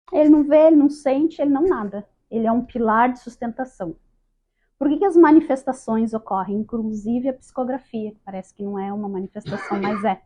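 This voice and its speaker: A woman telling her spiritist experiences to an audience, acting out dialogue and often calling out to her listeners. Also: a little high. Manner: lively storyteller acting out dialogue, addresses listeners as "gente". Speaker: spiritist speaker. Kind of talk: testimonial talk to an audience. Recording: dull lo-fi sound.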